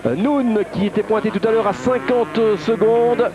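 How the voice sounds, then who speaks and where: A man's voice: sits high, moderate pace, music in the background. A man giving live motorsport race commentary, with hesitant phrasing and repeated positions and names. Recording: dull broadcast audio over crowd and engines.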